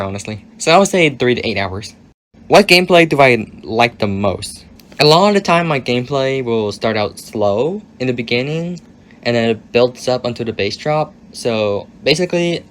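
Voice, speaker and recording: Young man, raspy voice, mid pitch, casual Q&A creator, hedging, trailing sentence ends. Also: a little hiss or hum. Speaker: video creator answering viewer questions. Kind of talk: casual Q&A monologue.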